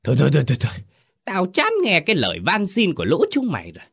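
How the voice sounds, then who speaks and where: Cruel old village chief, contemptuous, shouting, high and swooping. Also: male voice, wildly swooping pitch, racing, vocal fry, slightly rough, full character voice. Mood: scornful.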